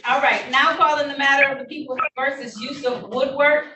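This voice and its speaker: Woman judge, high voice, formal yet friendly, courtroom recording, echoey and distant. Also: fairly quick, bright, forceful tone. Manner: formal yet friendly, reads charges and rulings. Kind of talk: presiding over traffic court hearings. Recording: roomy, distant courtroom recording with faint noise.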